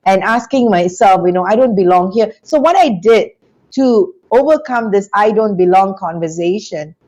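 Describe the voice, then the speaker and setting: A middle-aged woman from Singapore, guest on a video-call interview and founder of a business school, relates her life story via a lapel mic in a small room. She has a mid-range voice and a moderate pace, telling it with animation and hand gestures.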